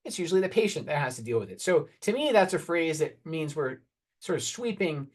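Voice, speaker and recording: A man's voice: fairly high pitch, very animated, brisk. Candid man presenting a talk. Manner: candid, earnest, wry; calls for next slides. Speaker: oncologist giving a talk. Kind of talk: conference presentation.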